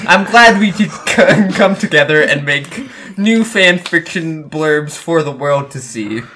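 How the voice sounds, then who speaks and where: A man's voice: on the high side, expressive, unhurried, bright, forceful tone, slight background noise. A young man co-hosting a casual podcast, playful and rambling with fillers. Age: young adult. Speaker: podcast co-host. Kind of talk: casual chat.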